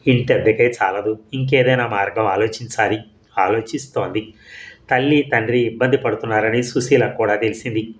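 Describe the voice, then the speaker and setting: A man giving steady, measured storybook narration of a serial. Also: lowish voice. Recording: echoey room.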